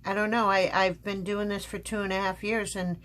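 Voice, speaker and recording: A woman's voice: medium pitch, flat delivery, fairly quick, fairly bright tone. An American woman hosting a craft vlog, talking casually and rambling with many ums and restarts, sounding frustrated at times. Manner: frustrated, complaining. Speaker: craft channel host.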